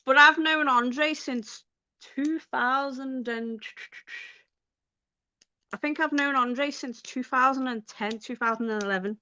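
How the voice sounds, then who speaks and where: Hosting a relaxed live stream in a Liverpool accent, this woman chats with viewers and laughs a lot. She speaks slowly in a high, bright, smooth voice with a forceful edge, over dull lo-fi audio.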